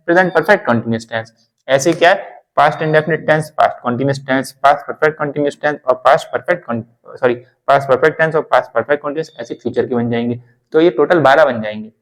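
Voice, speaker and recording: A man's voice: fairly high pitch, fast talker, low-quality recording. Man, english teacher, repetitive reassuring explanations, grammar lesson.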